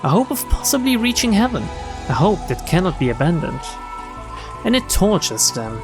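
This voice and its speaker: A man's voice sits high and has a sing-song lilt at normal speed as he streams a game. He performs the visual novel's narration and dialogue theatrically, backed by game music.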